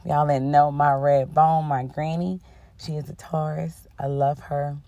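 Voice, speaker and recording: A young woman with a low, grounded voice hosts a casual spiritual podcast. She is slightly under the weather, yet talks in an affirming, conversational way, checking in with listeners. The sound is dry and close, with no room around it. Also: level tone, unhurried, no room sound, dull audio. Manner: warm-toned, affirming, sprinkles in "okay?" and "honey". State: under the weather, voice a bit rough. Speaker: podcast host.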